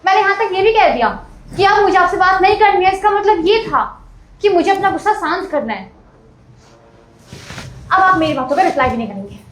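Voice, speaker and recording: A woman's voice: extremely high pitch, lively intonation, a little fast, long pauses, roomy sound, poor audio. A young woman acting a wife in a scripted sketch, defensive and scolding, pleading for forgiveness between reproaches. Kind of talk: scripted comedic monologue.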